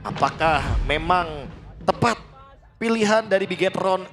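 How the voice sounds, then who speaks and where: A man's voice: high-pitched, expressive, unhurried. A man with an Indonesian accent giving analytical commentary on an esports match. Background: music.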